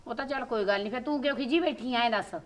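A woman's voice: fairly high pitch, rapid-fire, close to an everyday voice. A woman with a rural Malwa Punjabi accent, playing a caring older sister-in-law who keeps reassuring the other woman. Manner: soothing, reassuring.

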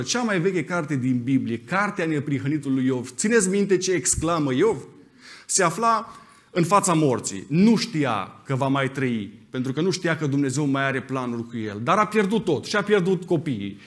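A man's voice: a little high, a bit bright. A man preaching a sermon as pastor, speaking emphatically and turning directly to his congregation.

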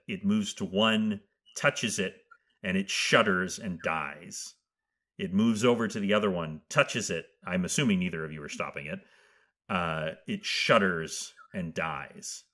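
A man narrating a tabletop game as game master, improvising in halting, deliberate phrases. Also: low voice, a bit bright.

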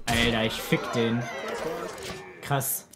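A man's voice: medium pitch, steady tone, takes it slowly, a loud crowd. A young man chatting casually with a friend as he plays a game, in a blunt, slangy way. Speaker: let's play gamer. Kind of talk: casual gameplay chat with a friend. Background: game music.

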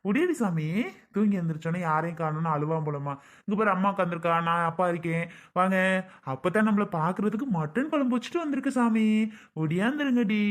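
A man's voice: high voice, fairly quick, natural voice. A man playing a young husband and father who talks insistently and repeats himself. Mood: coaxing. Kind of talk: family skit acting.

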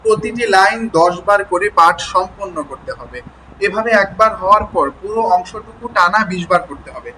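A man's voice: sits high, lively intonation, fairly quick, bright, forceful tone, a little hiss or hum, poor audio. A man teaching a lesson on jaw exercises and pronunciation drills, chatting with listeners and checking they follow. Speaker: teacher of standard Bengali pronunciation.

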